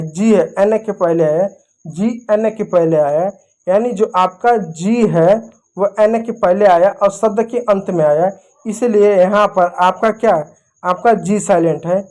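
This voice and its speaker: A woman's voice: mid-range voice, measured pace, mellow. Woman, English teacher, patient, repetitive, spells letter by letter. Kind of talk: explaining English spelling rules in Hindi.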